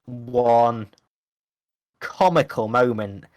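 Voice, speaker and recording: A man's voice: medium pitch, drawn-out words. A man co-hosting a football podcast in casual chat, his online call audio breaking up as the stream quality drops. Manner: conversational, rambling with fillers. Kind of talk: casual match review chat.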